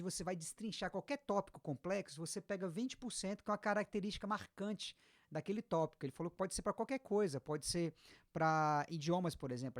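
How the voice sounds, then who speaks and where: A woman with a Brazilian accent giving a casual online English lesson, explaining patiently and repeating example words slowly. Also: lowish voice, no echo, clean studio sound. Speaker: English teacher.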